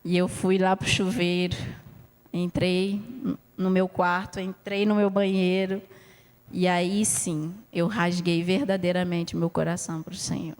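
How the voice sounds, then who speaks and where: This woman pastor speaks low-ish and unhurried in a level, slightly mellow voice that is clear and resonant. She weaves her own testimony into a heartfelt sermon, frequently addressing the congregation, as a long reverb tail rings through the church hall.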